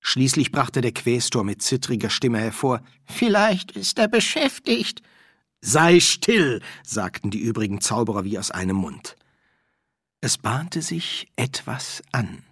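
A male narrator reading a fantasy story in a husky voice that moves lively up and down. The recording is dry and close, with no room sound. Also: mid-range voice, unhurried, no echo. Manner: expressive storytelling. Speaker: audiobook narrator. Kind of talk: scripted narration.

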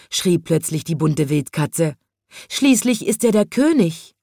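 Low, slow woman reading a story. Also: no echo, studio quality. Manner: calm, measured storytelling. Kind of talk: reading a children's story aloud.

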